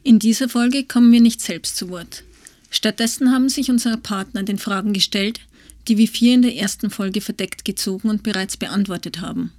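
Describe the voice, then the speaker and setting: A woman co-hosting a podcast, reading a measured, explanatory scripted intro. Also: mid-range voice, darkish tone, no room sound. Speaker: podcast co-host.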